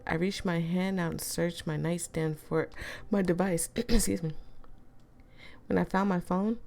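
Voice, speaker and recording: A woman's voice: fairly low pitch, vocal fry, darkish tone. A woman with a cold and a swollen, congested throat, chatting casually and playfully as she hosts a story read-aloud. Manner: playful, self-interrupting, teasing the audience. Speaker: host reading a story aloud.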